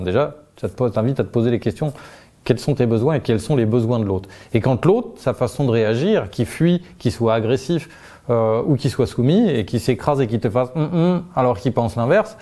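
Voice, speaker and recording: A man with a warm, mellow voice explains a method step by step in relaxed, off-the-cuff speech. He speaks informally, full of hesitations and restarts, and his pitch lifts as he calls out each new step. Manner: informal, uses tu, many fillers and restarts, laughs lightly. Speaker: communication trainer. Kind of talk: spontaneous explanatory talk.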